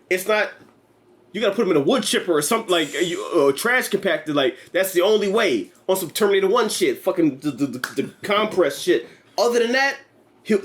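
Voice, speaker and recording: Animated man swearing through a casual review. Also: high voice. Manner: animated, profane, acts out quotes in put-on voices. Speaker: co-host of a movie review show. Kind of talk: casual chat.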